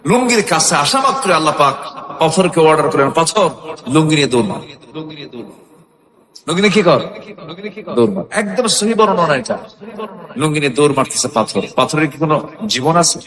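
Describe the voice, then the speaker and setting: A man preaching a Bengali sermon, telling a story with animated shifts of voice and sudden rising shouts. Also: on the high side, a little fast, a crowd in the background. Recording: echoey hall with long reverb.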